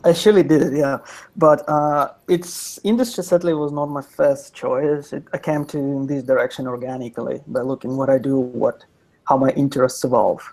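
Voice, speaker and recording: This thoughtful man is an industry panelist giving his answer on a video call, captured by a webcam in an office with an orange wall, and the recording is rough. He talks at normal speed in a steady, slightly mellow mid-range voice. His manner is pragmatic, with many restarts.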